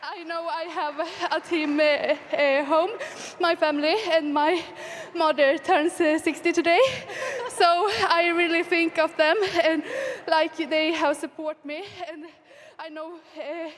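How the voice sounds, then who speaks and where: High-voiced emotional woman athlete, non-native English. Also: fairly even intonation. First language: not English. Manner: halting, breaking into laughter. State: emotional, choked up. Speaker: athlete being interviewed. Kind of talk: emotional post-event interview. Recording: reverberant noisy hall.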